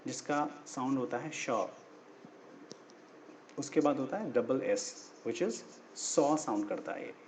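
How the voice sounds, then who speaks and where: A man's voice: medium pitch, darkish tone, a little hiss or hum. A man teaching a spoken English lesson. He explains each rule step by step, sounds out spellings and words letter by letter, and often checks in with "right?" and "okay?".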